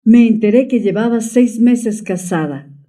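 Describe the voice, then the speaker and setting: A woman reads the part of a man returned from presumed death, calm and resigned, with a quiet, faintly bitter understanding. His voice is dark and mellow. It sounds set back from the mic in a storybook reading. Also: fairly high pitch, measured pace, distant mic, close to an everyday voice. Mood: explaining.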